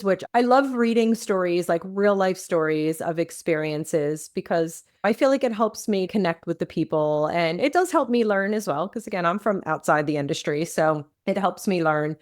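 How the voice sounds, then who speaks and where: A woman's voice: lowish voice, clean tone. A woman podcast host interviewing a guest in a casual, conversational way.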